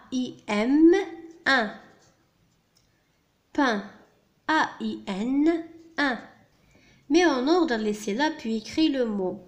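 A woman teaching a primary school French lesson, reading words slowly and clearly, spelling out sounds and quickly translating each line. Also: a little high.

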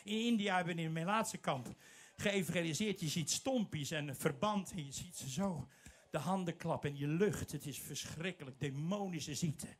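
A man's voice: fairly high pitch, normal speed. A man preaching a fervent sermon as an evangelist, telling Bible stories dramatically and dropping in English phrases.

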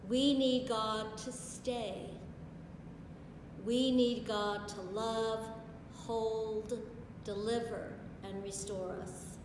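A woman in her sixties preaching a sermon from a pulpit in a large stone church, in a slow, measured way with solemn pauses. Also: on the high side, fairly even intonation. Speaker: pastor. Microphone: far camera. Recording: echoey church from far off, hiss.

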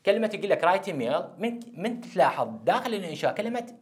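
A man's voice: high-pitched, expressive, very fast. A man with an Iraqi Arabic accent, teaching an exam-prep lecture who talks straight to his students and repeats the key steps. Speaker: English teacher.

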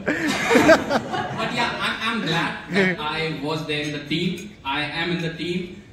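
On stage in a large banquet hall, a young man whose first language is Hindi gives a hesitant acceptance speech full of fillers and restarts. His voice is on the high side, expressive, bright and forceful, and slow in pace. His handheld mic is heard from far across the echoey hall, with audience chatter and noise around him.

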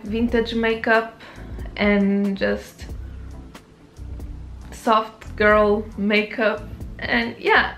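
A bright, forceful, rather high voice belongs to this young adult beauty vlogger with a Portuguese accent. Recorded close up on camera in her small bedroom, she chats her way through a makeup tutorial, rambling and frequently correcting what she's just said.

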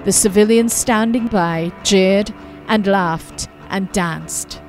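A woman narrator reading out the account of a male colonial police superintendent, in a measured documentary voice. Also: mid-range voice, faint music behind, close to an everyday voice.

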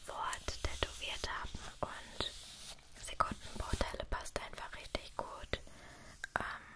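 A woman in her twenties speaking in a soft, breathy whisper, chatting casually in an unhurried, hesitant ASMR style close to the microphone. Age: 20s. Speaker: ASMR video creator. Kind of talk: whispered ASMR, casual personal chat to viewers. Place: small indoor room. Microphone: close stereo microphones on either side.

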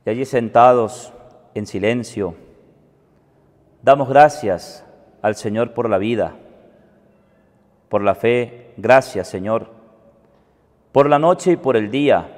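In a large church, a priest with a medium-pitched male voice leads the prayers of mass slowly. His delivery is soft, measured, and prayerful, carried by the long reverb and echo of the cathedral hall.

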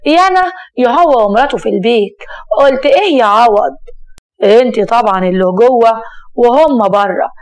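A woman voicing a brazen young female con artist, talking in a sly, cajoling, sharp-tongued way. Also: on the high side, lively intonation, normal speed, close to an everyday voice. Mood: defiant.

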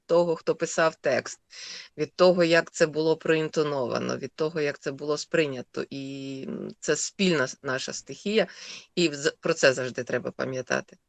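A woman, the author of a text, talking thoughtfully on a radio show with many pauses and fillers. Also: lowish voice, fairly bright tone, no room sound. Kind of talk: radio studio discussion.

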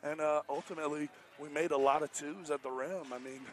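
Courtside in an indoor basketball arena, an American male coach talks through a headset after the game, casual and emphatic, circling back to the same points in colloquial speech. His voice is a little high, steady in tone, and a little fast.

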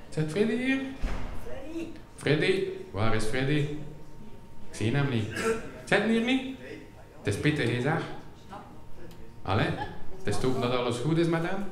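A Flemish man doing comedy for care home residents, chatty and teasing, throwing questions at the audience. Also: fairly high pitch. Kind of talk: live comedy and game show banter with the audience. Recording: echoey hall with audience murmur.

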